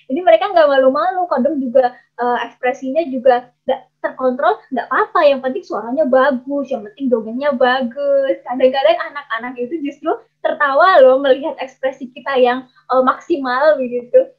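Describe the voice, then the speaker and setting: A woman with a high, light voice leads a storytelling workshop, explaining each technique patiently. She talks to her listeners as friends and often pauses on small hesitation sounds. The audio is slightly dull and lo-fi. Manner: explanatory, with frequent hesitation fillers. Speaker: storytelling trainer. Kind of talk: workshop presentation.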